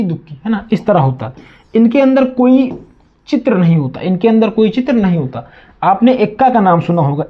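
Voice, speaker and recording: A man's voice: high-pitched, highs cut off. A man teaching a maths lesson to students, asking questions and answering them himself, with a lot of repetition. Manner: addresses students as children. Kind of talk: classroom lesson.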